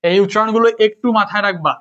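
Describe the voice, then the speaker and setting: In a dull, lo-fi recording, a young male teacher with a high, sharp voice leads a casual spoken lesson at a quick pace. He drills his students, asking the same questions over and over.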